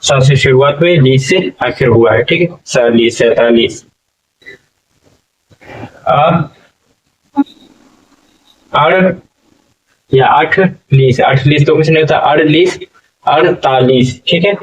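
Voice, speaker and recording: Recorded from afar with poor audio, this man's mid-range voice delivers a patient classroom lesson. He stretches his syllables and keeps asking his listeners "okay?"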